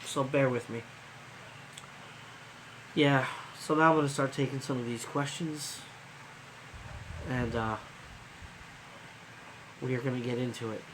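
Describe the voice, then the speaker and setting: A man's voice: medium pitch, fairly even intonation, unhurried, pauses often, noisy background. A man hosting a casual live stream as a trucker, rambling loosely with lots of fillers and casual swearing, sleepy and yawning.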